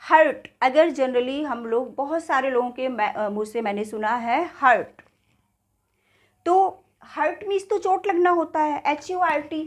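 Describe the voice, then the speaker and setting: A woman teaching spoken English with an Indian accent, repeating each word slowly and checking in with her students. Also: high-pitched, lively intonation.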